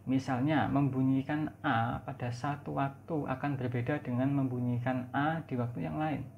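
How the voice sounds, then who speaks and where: A man from Indonesia giving a recorded university lecture, explaining slowly, asking the listener questions and stretching out example words. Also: mid-range voice, steady tone, gravelly. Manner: slow explanatory teaching, asks the listener questions; stretches out example words when demonstrating sounds. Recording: dull lo-fi recording with faint noise.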